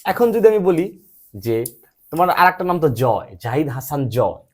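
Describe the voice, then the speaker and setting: Male teacher, singsong delivery, patient and quizzing, spells letters slowly. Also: on the high side, sing-song, darkish tone. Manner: asks frequent check questions and spells letters out slowly. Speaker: English teacher. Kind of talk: patient spoken lesson, quizzing a student.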